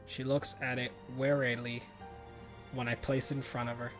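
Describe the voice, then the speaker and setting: A man's voice: medium pitch, little pitch movement, normal speed, over music. A man reading visual novel narration aloud as a let's player, occasionally stumbling and rereading words.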